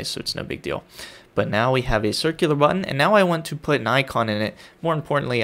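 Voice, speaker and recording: Gravelly-voiced man walking through code. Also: mid-range voice, a bit bright. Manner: casual, thinking aloud while typing code. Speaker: coding tutorial host. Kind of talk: screen-recorded coding tutorial.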